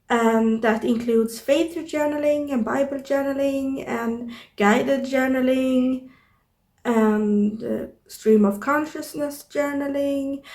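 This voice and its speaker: A young woman from Sweden, a YouTuber, chats to camera in a casual vlog with a Swedish accent, her delivery hesitant and filler-heavy. Her voice sits high and is a little mellow, captured by the device's mic without any external microphone.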